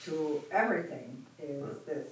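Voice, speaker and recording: A woman taking part in a group training discussion, speaking haltingly and restarting her sentences. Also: deep voice, lively intonation, a little hiss or hum. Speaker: training participant. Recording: very echoey room, far mic, group chatter.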